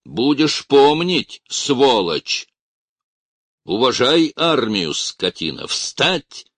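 Мужчина играет злого армейского капитана. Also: male voice, fairly low pitch, lively intonation, measured pace, dry recording, heavily acted. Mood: furious shouting. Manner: shouts orders, curt and scornful. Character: angry male army captain, harsh and commanding.

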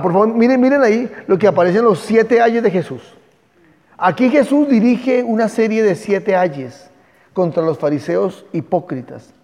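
A man's voice: high-pitched, a little mellow. A man teaching a Bible class, speaking emphatically and stopping to dictate spellings to his students. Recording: echoey, dull room recording.

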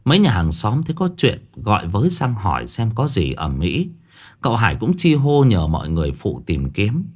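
Guy reading a ghost story, lowish voice, goes up and down a lot. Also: moderate pace. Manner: expressive storytelling. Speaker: narrator.

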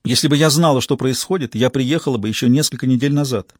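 A weary, secretive middle-aged woman speaks low and measured, guarding every word, as a man reads her. The husky voice sits close and dry on an audiobook track. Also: dry recording, lightly acted. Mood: grave.

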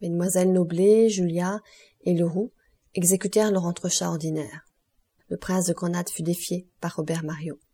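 A woman reading a classic novel aloud as an audiobook, in steady scripted narration. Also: on the low side, moderate pace, husky. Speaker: audiobook reader.

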